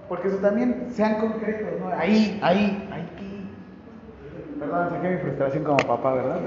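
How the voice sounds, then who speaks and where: A man with a Mexican accent giving a lively, joking classroom lecture to nursing students and asking the class questions. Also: sits high, slight background noise. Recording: echoey hall, dull lo-fi sound.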